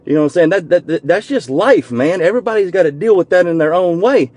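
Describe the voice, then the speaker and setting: A young man, telling a personal story in a casual, heartfelt way from inside his truck, repeating and restarting words and softening when he is moved. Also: high voice, lively intonation, fast, dry recording.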